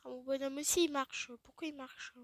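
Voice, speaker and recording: High-voiced woman muttering through a game. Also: fairly even intonation, brisk, no echo. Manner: chatty, self-mocking, drops into quiet muttered asides. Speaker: let's play host. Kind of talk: casual gaming commentary.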